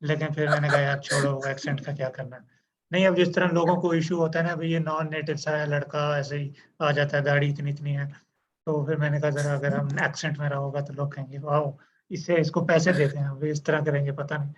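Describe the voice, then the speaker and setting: Chatty and agreeable, with the odd joking aside, this male host runs a casual Urdu-English online interview. He speaks fairly quickly in a slightly high, level tone. Faint noise sits under a dull, lo-fi recording.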